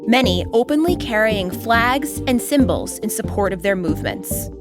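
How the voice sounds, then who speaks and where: A woman hosting a podcast in measured, serious scripted narration. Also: fairly high pitch, lively intonation, over music. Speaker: podcast host.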